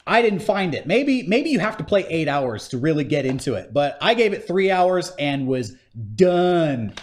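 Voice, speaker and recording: Man, high voice, very lively pitch, casual rant, swears a lot. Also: moderate pace. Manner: animated, swearing, acts out scenes in mock voices. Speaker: podcast co-host reviewing a game. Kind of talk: casual chat.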